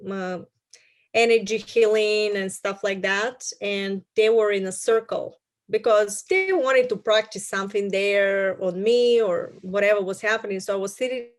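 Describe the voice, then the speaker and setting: A middle-aged woman from Bulgaria with a Bulgarian accent, telling her story as an interview guest in a halting way with many fillers. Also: mid-range voice.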